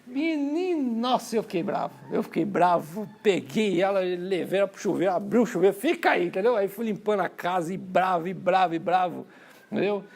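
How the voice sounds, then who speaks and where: Speaking fast in a high, creaky, slightly mellow voice, a Brazilian Portuguese-accented man addresses a church conference. His sermon is conversational and anecdotal: he repeats phrases, calls everyone brothers, and voices the people in his family tales.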